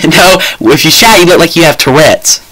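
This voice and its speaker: A man's voice: fairly high pitch, moderate pace, noisy background. A young man co-hosting a casual podcast, asking would-you-rather questions and joking around in a rowdy, teasing way. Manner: rowdy, joking, slips into mock voices and quotes.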